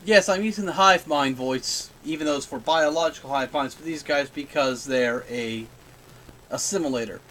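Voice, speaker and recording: A man's voice: on the high side, moderate pace, fairly bright tone, slight background noise, rough recording. A man giving casual video game commentary and reading game text aloud as he plays. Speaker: gaming streamer.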